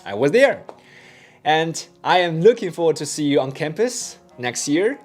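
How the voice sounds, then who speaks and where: A young man, a student whose first language is Chinese, narrating a vlog in a careful, measured way with many hesitations. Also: on the high side, sing-song, faint music behind. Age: young adult. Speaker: vlogger, engineering student.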